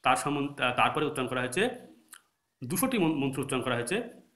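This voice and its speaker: A man's voice: medium pitch, big pitch swings, fast talker, fairly bright tone, echoey room. A man with a Bengali accent teaching history for exam prep. He keeps asking rhetorical questions and answering them himself, and now and then corrects his own slips. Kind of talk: recorded lecture.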